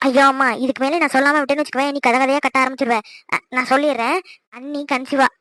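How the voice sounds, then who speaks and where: A woman playing a cheeky young daughter in a cartoon, talking fast and pleading. Her voice is high and close, with no room sound. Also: level tone, a bit bright, dry recording. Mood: exasperated. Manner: quick, pleading, exasperated. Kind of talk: cartoon voice acting.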